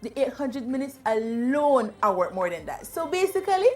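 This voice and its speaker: A woman playing a store clerk in a scripted ad, making an upbeat sales pitch. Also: big pitch swings, moderate pace, darkish tone, soft background music. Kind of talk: scripted ad dialogue.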